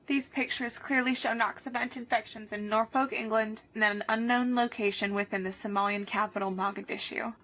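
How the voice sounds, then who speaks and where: A female radio news anchor, voiced by an actress, reads emergency bulletins in a crisp, bright voice at a steady, measured pace. Her tone stays controlled and official, fit for a video game broadcast. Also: medium pitch, lightly acted, low-quality recording. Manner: measured newsreader delivery, softening into gentle pleas.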